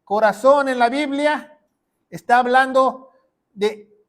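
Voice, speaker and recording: A man's voice: extremely high pitch, takes it slowly, fairly bright tone. A preaching man, teaching a sermon. He keeps asking the listener rhetorical questions. He reads Bible verses aloud as he explains them.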